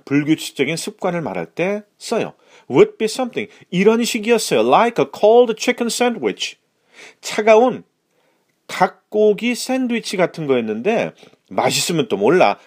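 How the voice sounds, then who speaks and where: A man with a Korean accent teaching English phrases in a lesson, lively and expressive, reading the English lines slowly and deliberately. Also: a little high.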